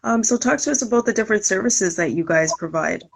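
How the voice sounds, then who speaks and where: Woman interviewer, husky and gravelly, relaxed and brief in her questions. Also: medium pitch, fast talker, rough recording. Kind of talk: casual interview talk.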